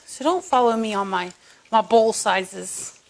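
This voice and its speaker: A woman's voice: on the high side, unhurried, gravelly. Chatty woman hosting a home cooking video. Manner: chatty, talks viewers through each step. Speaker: cooking show host. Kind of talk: casual cooking tutorial. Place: home kitchen.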